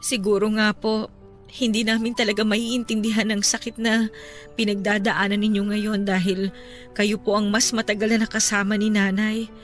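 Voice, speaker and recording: An actress playing a caring grown daughter in a Filipino radio-style drama, speaking in a gentle, respectful, earnest and consoling way. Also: female voice, medium pitch, flat delivery, moderate pace, soft background music, close to an everyday voice. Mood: consoling, pleading.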